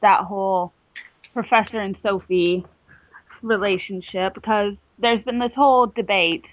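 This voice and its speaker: A woman co-hosts a fan podcast and speaks her mind in quick, animated asides. The recording is dull and lo-fi, and the sound is dry and close. Her pitch is ordinary for a woman. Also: no echo. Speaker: podcast co-host. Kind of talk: casual fan podcast chat.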